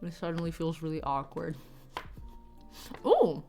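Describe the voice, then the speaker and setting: A woman's voice: low voice, very animated, measured pace, mellow, faint music behind. A woman in her late twenties, a streamer, chatting casually and rambling, giggling often and swearing offhand. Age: 20s. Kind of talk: casual chat with live chat.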